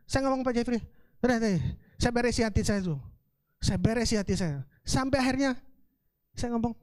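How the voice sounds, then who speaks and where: A woman with a Palembang accent preaching a sermon in a colloquial, animated storytelling way. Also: a little high, no room sound. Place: church service.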